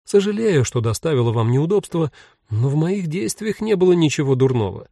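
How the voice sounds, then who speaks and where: A man's voice: fairly high pitch, sing-song, fairly quick, no room sound, clean studio sound, pitched above the performer's own voice, exaggerated voice. A man voicing a polite, fearless young woman writer who talks courteously and formally. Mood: ceremonious. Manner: courteous and formal, speaking loudly and clearly.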